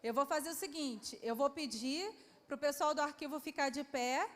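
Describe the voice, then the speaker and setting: Brazilian woman historian, very high voice, coaxing quizmaster for kids, long hall reverb. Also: moderate pace, fairly bright tone. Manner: affectionate, coaxing, calls children "my love". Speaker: historian hosting a quiz for schoolchildren. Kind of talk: lively quiz with children at a public event. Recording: reverberant hall, faint background noise.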